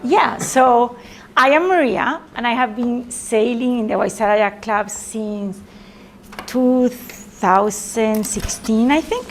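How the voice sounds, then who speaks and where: A woman's voice: fairly high pitch, takes it slowly, a little hiss or hum. A woman from Spain with a Spanish accent, giving a casual, hesitant talk to an audience. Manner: hesitant, with fillers and restarts. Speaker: presenter.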